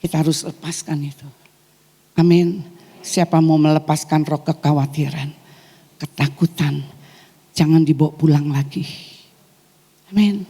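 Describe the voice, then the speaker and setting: A middle-aged woman pastor preaching a sermon at a church service, growing emotional and rising high in pitch when stirred. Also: fairly even intonation, unhurried, long pauses, warm tone, slightly rough, big-room sound. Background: music.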